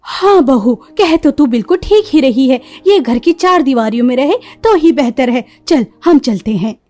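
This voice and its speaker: A woman's voice: high-pitched, expressive, normal speed, a little mellow, voice pushed down. A woman voicing a strict middle-aged mother-in-law in a cartoon story, bossy and scolding. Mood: chummy.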